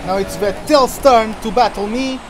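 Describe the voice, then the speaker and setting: A man's voice: high-pitched, moderate pace, music in the background. A man giving casual live commentary as they play a racing video game. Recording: loud engine noise behind voice. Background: racing game car engines.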